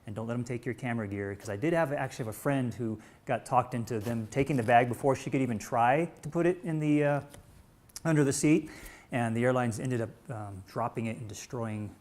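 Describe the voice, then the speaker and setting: A man presenting camera bags on a live show, relaxed and friendly as he gives tips. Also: mid-range voice, a little fast. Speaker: product presenter. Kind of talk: casual product demo.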